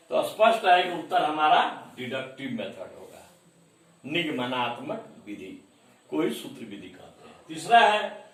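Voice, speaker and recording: A man's voice: on the high side, a bit bright, echoey room, far from the mic, poor audio. A man teaching an exam-prep lecture, explaining answers step by step and mixing in English terms. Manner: reads English questions slowly, then explains.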